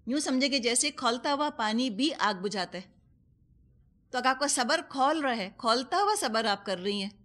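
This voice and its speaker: A Quran teacher with a Pakistani Urdu accent, this woman speaks on the high side, a bit bright, with lively intonation. She delivers a commentary lesson, explaining patiently with everyday examples and mixing English words into her talk.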